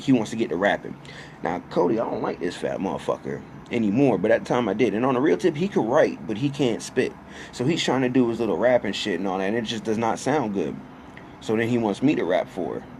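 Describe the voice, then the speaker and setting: A man in his thirties, a storyteller and host with a lowish, darkish voice, tells a casual, profane personal story in slangy, conversational language, quoting dialogue along the way. Background noise is clearly audible in the recording.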